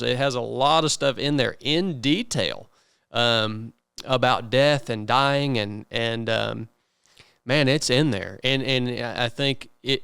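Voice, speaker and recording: Male interview host, very clean smooth tone, medium pitch, earnest and informal, dry close recording. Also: fairly bright tone, no room sound. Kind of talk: casual conversational interviewing.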